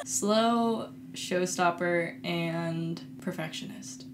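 A woman's voice: fairly low pitch, huge pitch swings, drawn-out words, heavy background noise. A young woman hosting a casual chat, telling rambling stories and laughing often. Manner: giggly, rambling storytelling. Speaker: host.

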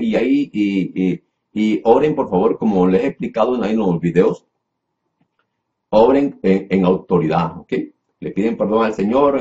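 A preacher teaching a class delivers a Bible lesson sermon-style in a lowish, dark-toned voice. He repeats phrases, restarts often, and calls his listeners "brother." The recording is dull and lo-fi.

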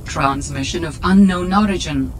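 A man plays an impersonal survival-suit computer in a video game. The male voice sits fairly high and reads out data formally and matter-of-factly, with faint noise behind it. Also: normal speed, lightly acted, low-quality recording. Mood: neutral, informative. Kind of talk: scripted game announcements.

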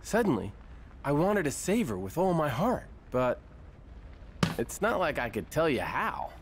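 A man's voice: fairly high pitch, very animated, a little slow, background noise. A man voicing a brawny, upbeat and confident young hero in a video game. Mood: thoughtful. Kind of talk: video game cutscene acting.

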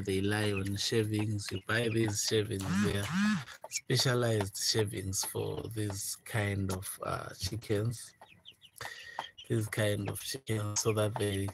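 A man speaking softly and hesitantly with many fillers, showing his broiler chickens in a chicken house on a handheld phone. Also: on the low side, noisy background. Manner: soft, hesitant, many fillers and repeated words. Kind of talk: informal farm walkthrough vlog. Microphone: handheld phone, speaker off camera. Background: chickens chirping.

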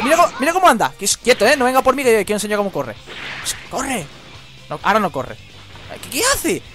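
Young male let's-player from Spain, high and rapid, loud game music under him. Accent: Spain Spanish. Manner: rapid, jokey, exclamatory, swears often. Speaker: gameplay commentator. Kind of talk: excitable let's-play commentary. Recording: game music playing behind.

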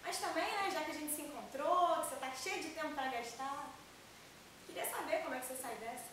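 A woman's voice: high-pitched, fairly quick. A woman playing a defiant sarcastic teenage daughter, echoey and distant. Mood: mocking. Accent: Brazilian Portuguese. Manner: mocking, needling, shifts into loud outbursts. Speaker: actor in a scene. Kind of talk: acted dramatic scene. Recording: echoey room, distant mic, audible hiss.

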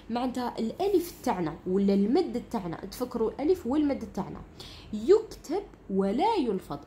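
A woman's voice: fairly high pitch, dark tone, a little hiss or hum. A woman with an Algerian accent, a primary school teacher giving a grammar lesson to children and explaining each step while checking that they follow. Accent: Algerian Arabic. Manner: explains step by step, often asks "understood?".

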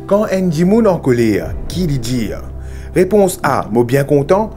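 An actor as a Mauritian game show host, highish voice over music. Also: male voice, very animated, mellow. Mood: formal, upbeat. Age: 30s. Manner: game show host delivery, formal announcing with drawn-out key words. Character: smooth, eager male TV game show host in a parody. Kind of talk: game show host presenting in a sketch comedy. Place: TV studio set.

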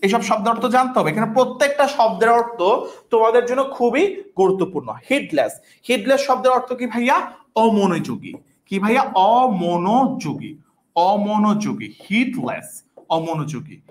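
A woman's voice: mid-range voice, lively intonation, brisk. A woman teaching a vocabulary class, repeating each word and often checking that students understand. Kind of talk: online class lesson.

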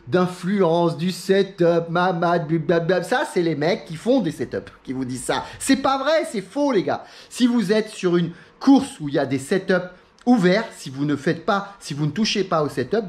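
A man's voice: high voice, moderate pace. A middle-aged man from France chatting casually as a sim racing YouTuber, telling stories, acting out what others said and laughing often. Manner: chatty, animated storytelling, acts out quotes, laughs often. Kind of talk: casual talking-head chat.

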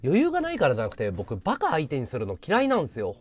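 A man's voice: a little high, huge pitch swings, rapid-fire, faint music behind. A man livestreaming in casual chat, answering viewer comments with sarcastic, combative ranting.

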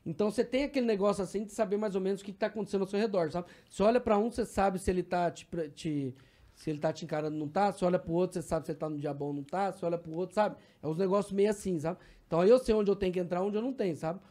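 A man guest on a podcast, telling stories in a rapid, slangy way with frequent filler tags. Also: sits high, mellow. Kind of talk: casual podcast chat, storytelling.

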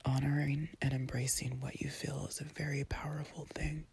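A woman in a whispered role-play as an empathic girlfriend, comforting the listener in a soothing, tender, breathy whisper with long pauses. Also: low voice, level tone, a little mellow, a little hiss or hum. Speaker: intimate audio performer playing a comforting girlfriend.

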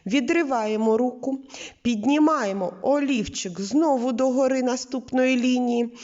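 Woman preschool teacher, mellow and lively, stretches out sounds; slightly dull recording. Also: high-pitched. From Ukraine. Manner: slow, patient, drawing out sounds and words. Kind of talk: literacy lesson for preschoolers.

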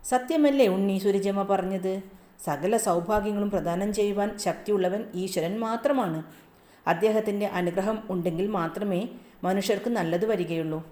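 A woman voicing a gentle, loving mother queen who speaks softly and soothingly, in a roomy recording. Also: mid-range voice, normal speed, natural voice. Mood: gently firm. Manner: soft, soothing. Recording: roomy echo.

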